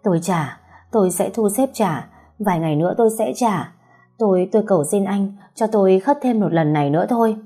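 A woman's voice: animated, fairly quick, warm tone, breathy edge, soft background music. Woman voicing a desperate pleading mother. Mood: tearful pleading. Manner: pleading, tearful, high-pitched. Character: desperate middle-aged mother, gambler, begging and sobbing. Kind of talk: audiobook storytelling.

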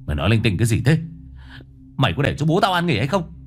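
A man voicing a furious grieving young man who yells and curses. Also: medium pitch, wildly swooping pitch, fast, soft background music, voice pushed up. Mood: angry. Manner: yelling, cursing, aggressive.

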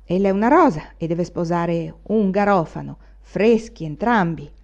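A woman's voice: on the low side, lively intonation, normal speed, dull audio. A woman voicing a tipsy, ragged old village woman who gossips in a wheedling way. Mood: gossipy.

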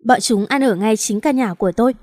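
A woman's voice: on the high side, a little fast, darkish tone, dry recording, clean studio sound, close to an everyday voice. A woman voicing a heartbroken young husband who speaks bitterly and accusingly, choked with regret. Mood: furious.

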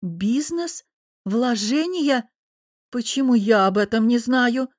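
A woman voicing an emotional middle-aged mother who flares up and speaks in a shrill, reproachful tone. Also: takes it slowly, a little mellow, no echo, studio quality. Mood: cold.

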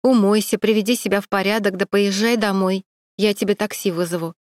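Woman reading a steady, soothing young man. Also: mid-range voice, a little fast, no echo, studio quality, close to an everyday voice. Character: calm, reassuring male camera operator.

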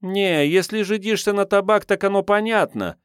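A scruffy homeless teenage girl, as a male audiobook reader puts her on, high and cheeky. She talks in brash street slang and never seems bothered. The sound is close and dry. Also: moderate pace, smooth, no echo, close to an everyday voice. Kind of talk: audiobook reading.

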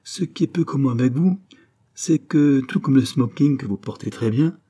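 A man's voice: medium pitch, animated, moderate pace, dark tone, voice pushed up, natural voice. A man reading an audiobook and voicing a flirtatious, elegant blonde woman with an accent in a playful, teasing, lightly raised voice.

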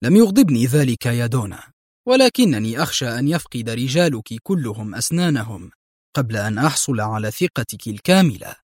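A man voicing a calm, mocking male secret agent in an audiobook reading. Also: medium pitch, fairly quick, no room sound, studio quality. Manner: mocking, self-assured. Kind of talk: audiobook narration.

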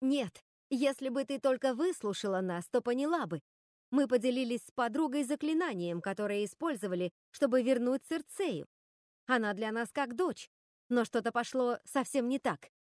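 A woman's voice: on the high side, lively intonation, normal speed, a little mellow, no room sound, clean studio sound, close to an everyday voice. A woman voicing a nervous witch sister who pleads and apologizes. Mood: pleading. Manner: anxious, pleading.

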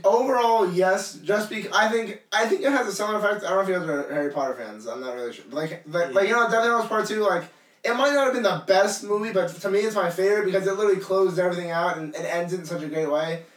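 Young male co-host, high pitch, filler-heavy rambling, distant echoey mic. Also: fast. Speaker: podcast co-host. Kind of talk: casual podcast chat.

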